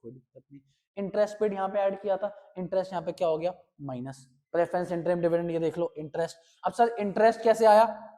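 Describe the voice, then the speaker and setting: A slightly hoarse man teaching an accountancy class, who asks questions and answers them himself. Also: high voice, quick pace, in a large hall. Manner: animated, asks and answers his own questions. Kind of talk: online class lecture.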